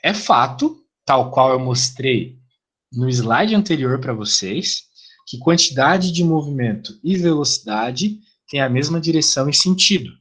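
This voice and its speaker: A man's voice: medium pitch, animated, a little slow, fairly bright tone. A middle-aged Brazilian man teaching an online physics class, chatty, asking his students rhetorical questions.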